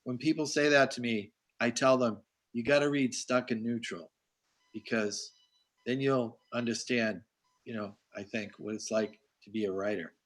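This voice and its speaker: A man's voice: medium pitch, fairly even intonation, normal speed. Rambling chatty man hosting an author chat. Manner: rambling, chatty, warmly complimentary. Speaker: host. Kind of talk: live video-call author chat. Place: home in Boston.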